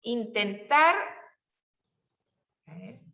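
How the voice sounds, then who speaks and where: A Chilean woman teaching a class in a high, bright-pitched voice, explaining patiently and pressing her students with questions. Her voice is picked up from a distance in a roomy space. The recording sounds dull and muffled. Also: animated, extremely slow, gravelly.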